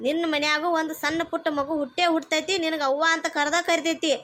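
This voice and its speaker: A kindly elder neighbor from a cartoon, voiced by a woman, firmly reassuring in a North Karnataka accent. Her voice is very high, bright and forceful. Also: level tone, fast. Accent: North Karnataka Kannada. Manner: reassuring, firm. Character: consoling elder neighbor woman, firm and kind.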